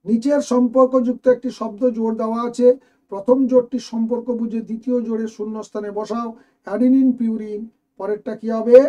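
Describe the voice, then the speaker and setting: Guy teacher, high but mellow voice, walks students thru test questions step by step. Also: level tone, brisk. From West Bengal, India. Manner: explains step by step, addressing students directly. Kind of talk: exam question walkthrough lesson.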